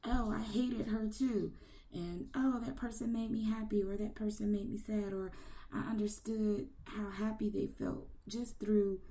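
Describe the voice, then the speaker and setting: A woman's voice: medium pitch, fairly even intonation, a little slow, dark tone. A woman hosting an interview, asking long rambling questions in casual chat. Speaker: interview host.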